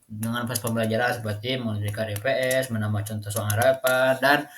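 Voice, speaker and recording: A man's voice: mid-range voice, slight background noise. A young man, a university student, giving a class presentation with frequent fillers and restarts. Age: young adult. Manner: hesitant, many fillers and restarts.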